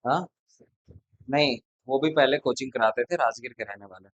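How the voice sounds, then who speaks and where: A man speaks to his class in a loose, lecturing way, blunt and talkative. His voice sits at a middle pitch. The sound is dry, with little room echo. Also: normal speed, lo-fi sound. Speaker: math tutor. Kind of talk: casual classroom talk to students.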